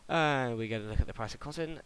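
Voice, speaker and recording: A man's voice: medium pitch, fast talker, noisy background. A young British man hosting a casual game tutorial voice-over, chatty and prone to stumbling over his words. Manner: chatty, stumbles and restarts, laughs at own slips. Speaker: gaming tutorial host.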